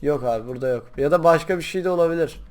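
A young gaming YouTuber rambles to his viewers while playing, giving casual gameplay commentary and breaking into loud, excited shouts. His voice is on the high side, and he talks very fast.

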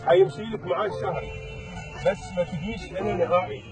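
Young guy, fast gentle talk out on the street, music under it. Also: high-pitched. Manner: gentle, reassuring. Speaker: social experiment host. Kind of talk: street interview. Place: outdoors on a city sidewalk, crouching.

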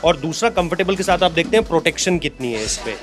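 A man in his thirties guiding viewers through a small workshop, talking into a handheld mic. He keeps restarting his sentences as he explains, in a fairly high voice. Music plays underneath. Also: expressive, fast talker. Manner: explains at length with many restarts. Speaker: video host. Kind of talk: explanatory walk-through interview.

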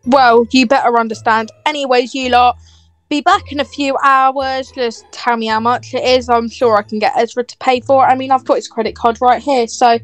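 A woman plays a snobby, entitled young woman in a game role-play, bossing people about in a high voice. She sounds dismissive and self-satisfied. Faint music plays behind her. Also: fairly even intonation, normal speed, no room sound, lightly acted. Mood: haughty.

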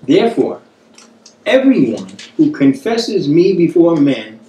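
A man in his fifties teaches a Bible study like a sermon at a wooden table in a small indoor room, earnest and exhorting and repeating phrases for emphasis. His fairly high voice is sing-song and dark-toned, taken slowly, and picked up by a distant microphone in an echoey room.

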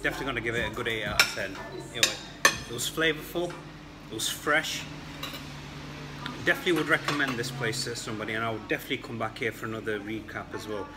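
A man's voice: mid-range voice, fast, very noisy. A man in his thirties hosting a casual food review at a restaurant table, chatty and enthusiastic. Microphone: camera on table. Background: loud background music.

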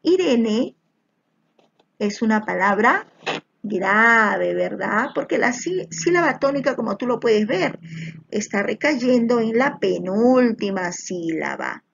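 A woman's voice: fairly high pitch, animated, slow, gravelly, fairly bright tone, slightly rough, dull audio. A woman teaching young children a spelling lesson over slides, patient and encouraging, checking often that they follow. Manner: addresses pupils as little children. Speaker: primary school teacher.

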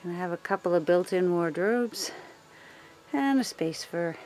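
A woman filming a casual walkthrough of her house under renovation, pointing things out room by room in a relaxed way. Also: on the low side, unhurried, low-quality recording. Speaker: homeowner giving a house tour. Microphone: handheld camera, filming while walking.

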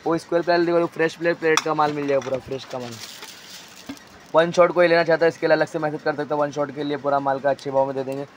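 A man showing stock in a crowded wholesale storeroom, briskly listing items and prices and telling a helper what to hold up. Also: a little high, steady tone, slight background noise. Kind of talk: walk-through product showcase.

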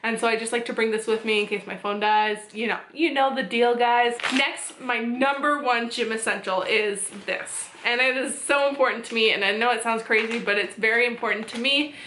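Upbeat young woman chatting to her camera, bright slightly high voice, echoey little bedroom. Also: moderate pace, few pauses, a little hiss or hum. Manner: chatty, upbeat, showing items one by one. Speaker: fitness vlogger. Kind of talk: casual chat. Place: small bedroom indoors.

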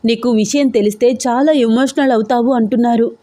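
Woman voicing frantic young daughter, high-pitched. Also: fairly even intonation, brisk, dark tone, no echo, natural voice. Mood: panicked. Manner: urgent, pleading, tearful. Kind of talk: storybook audio drama.

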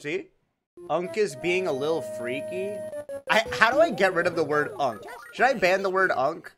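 A man's voice: high-pitched, expressive, moderate pace. A young man live-streaming a platform game, chatting casually with his viewers, joking, laughing and venting his frustration. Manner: laughing, exasperated, joking with chat. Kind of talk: casual live-stream chat while gaming. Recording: game music playing under the voice. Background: loud video game music.

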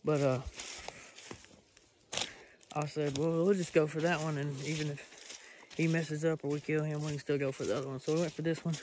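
Rambling man vlogging outdoors, flat voice. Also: on the high side, moderate pace, slight background noise. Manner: rambling, folksy, with many fillers and restarts. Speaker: hunting vlogger. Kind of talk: casual self-filmed vlog talk. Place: outdoors on rural land. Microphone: self-filmed camera.

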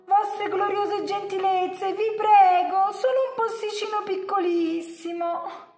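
A woman voicing a flattering, pleading yellow monster in a storybook read-aloud, grovelling with grand titles. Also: extremely high pitch, slow pace, echoey room, faint music behind, pitched above the performer's own voice, full character voice.

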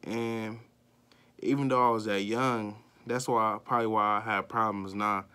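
Low-voiced young man telling a story. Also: steady tone, a little slow, smooth. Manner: loose and profane, with many fillers; voice climbs higher and louder when worked up. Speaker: vlogger. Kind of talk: casual personal storytelling.

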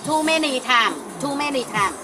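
A woman's voice: high voice, moderate pace, over music. A woman with a Vietnamese accent, a native Vietnamese speaker, pleading with police in broken English, recorded outdoors on a bodycam. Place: outdoors by a trailer. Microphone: officer's bodycam.

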